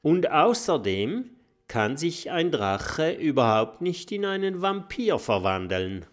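Man doing a slow, soothing doctor dragon. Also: a little high, sing-song, pitched above the performer's own voice. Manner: slow, soothing, matter-of-fact. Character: calm, wise old doctor dragon.

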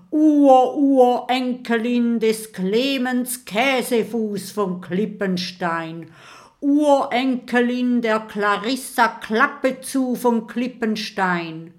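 Hoarse, menacing storybook ghost lady, slightly raised and pushed forward, as a woman reader puts her on. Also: fairly high pitch, pitched above the performer's own voice. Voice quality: hoarse, threatening.

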